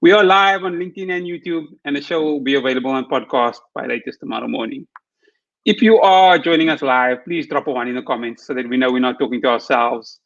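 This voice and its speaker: A man's voice: mid-range voice, quick pace, a bit bright, dull audio. A young man hosting a career podcast over a video call, wearing headphones in a small room, with a friendly, slightly rehearsed delivery. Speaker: podcast host. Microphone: headphones with video call audio.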